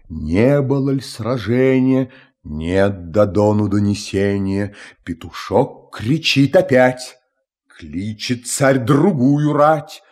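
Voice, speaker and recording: A man reciting a fairy tale in verse with a sing-song lilt. His voice is husky, his pace very slow, and his pitch moves up and down widely. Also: darkish tone.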